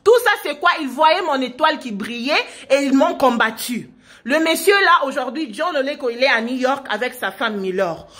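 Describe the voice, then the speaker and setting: High-voiced woman, fervent appeal. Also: animated, normal speed, a bit bright. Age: 20s. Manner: insistent, repetitive, rhetorical questions, stumbling restarts. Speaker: provincial deputy denouncing her parents. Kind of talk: impassioned public appeal.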